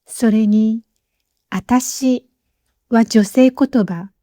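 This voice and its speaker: A woman teacher giving a scripted lesson, speaking slowly and carefully with clearly spaced phrases, recorded as a voice-over. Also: a little high, warm tone, no room sound, studio quality. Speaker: Japanese teacher.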